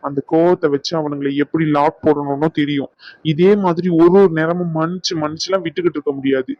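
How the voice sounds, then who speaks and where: A man's voice: fairly high pitch, steady tone, fast talker, dry recording, highs cut off, lightly acted. A man voicing a stubborn, vengeful young doctor in a cartoon, speaking in a defiant, insistent way. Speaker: voice actor. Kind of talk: cartoon dub acting.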